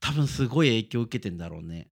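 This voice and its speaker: A young man chatting casually with a friend on a radio-style show. He sounds laid-back and amused, pushing back against teasing. His pitch moves a lot from phrase to phrase. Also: lively intonation, fast, creaky. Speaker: podcast co-host.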